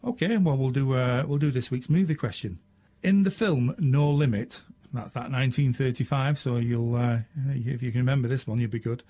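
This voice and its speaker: A man with a Northern English accent hosts a radio show, chatting casually and fielding listener questions in a mid-range, dark-toned voice at a moderate pace. He's chatty and pokes fun at himself, with plenty of ums and uhs.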